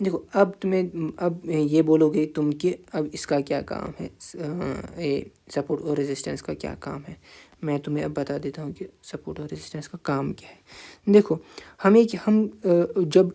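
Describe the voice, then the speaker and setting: A man's voice: fairly high pitch, steady tone, vocal fry, mellow. A man giving a casual screen-share trading tutorial, talking informally and repetitively straight to the viewer, with many fillers.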